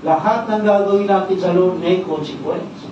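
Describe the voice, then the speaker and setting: A man's voice: high voice, moderate pace, distant mic. Filipino guy preaching, lots of "no?", dull muffled sound, faint noise, big echoey church. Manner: teaching, frequent "no?" tag questions, mixes English terms. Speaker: pastor. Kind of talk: sermon. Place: church worship service.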